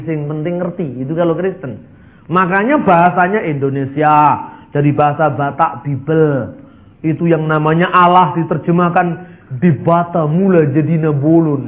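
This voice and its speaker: A middle-aged pastor with a Javanese accent preaches in a high voice, shifting his tone to act out the people he quotes. His sermon comes through a dull, muffled lo-fi recording.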